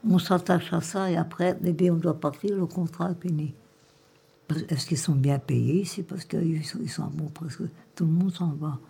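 Very husky, gravelly elderly woman. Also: low-pitched, steady tone, moderate pace. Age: older. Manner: calls the listener "my little heart" constantly, rambling and tender; hums and half-sings old songs softly. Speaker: nursing home resident. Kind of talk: casual chat with a visitor. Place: room in a nursing home.

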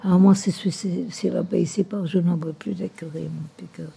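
This is an older woman talking casually and tenderly with someone visiting her nursing home room. Her voice is on the low side, creaky and husky, with a steady tone and a slightly quick pace, and she rambles while constantly calling the listener "my little heart" and softly half-singing old tunes.

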